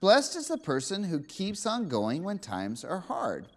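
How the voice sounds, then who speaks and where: Confused puppet doctor guy, kid church show, lowish voice that bounces around, gentle and explainy. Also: huge pitch swings, unhurried, exaggerated voice. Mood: explaining. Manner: gentle, explains Bible lessons kindly. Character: puppet male doctor, curious and easily confused.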